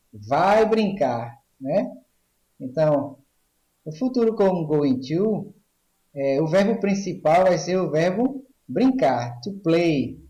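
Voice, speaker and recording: A man's voice: fairly high pitch, mellow, reverberant, low-quality recording. A man with a Brazilian Portuguese accent teaching an online English grammar lesson, explaining step by step and often checking in with the class. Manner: explains slowly, checks in with "ok?" and "tá certo?".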